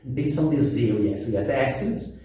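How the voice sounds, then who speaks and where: A man's voice: medium pitch, animated, a little fast, dark tone. Guy teaching english grammar, patient step by step, sounds far off in a really echoey room. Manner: patient, explains step by step, switches between English examples and Portuguese. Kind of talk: explaining grammar lesson.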